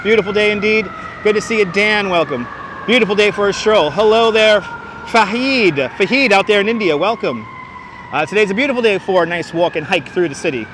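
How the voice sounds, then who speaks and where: A livestream tour host with a thick Brooklyn, New York accent talks briskly in a high, lively voice as he walks through crowded Manhattan. He keeps up casual chat with viewers and running street commentary. Vehicles and city ambience are clearly audible around him.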